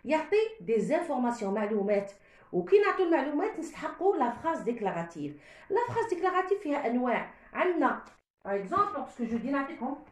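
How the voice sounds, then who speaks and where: A woman's voice: high-pitched, sing-song, very fast. A woman teaching a French grammar lesson step by step, switching between Arabic and French. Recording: echoey room.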